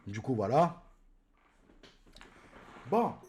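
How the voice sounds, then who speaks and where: A man's voice: mid-range voice, sing-song, very slow, dark tone. A man streaming live in casual chat, greeting viewers by name and calling them brother.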